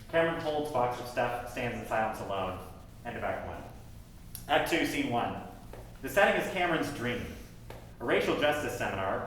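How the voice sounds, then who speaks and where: A man reading stage directions aloud in a plain, steady way at a table read. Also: medium pitch, a little hiss or hum. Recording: echoey room from far off.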